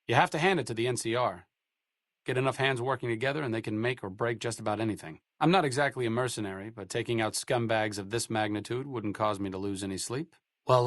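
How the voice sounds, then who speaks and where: In a dry recording, a man with a mid-range voice lightly acts the part of a companion character in a video game. He plays a wry, educated, sardonic scientist roaming a wasteland.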